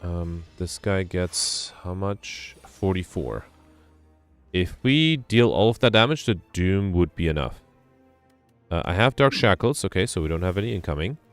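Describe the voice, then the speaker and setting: A man with a very deep voice talks through his moves in a casual gameplay chat, hesitating and filling pauses with ums. Faint game music plays behind him. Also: animated, clear, resonant tone. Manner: thinks aloud, hesitant, many ums. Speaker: streamer playing co-op.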